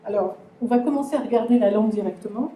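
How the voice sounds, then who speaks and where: Woman lecturer, dark mellow voice, halting talk to a live audience, roomy echo. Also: a little high. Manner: hesitant, many fillers and restarts, addresses audience directly. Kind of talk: conference talk explaining a language. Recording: echoey lecture room.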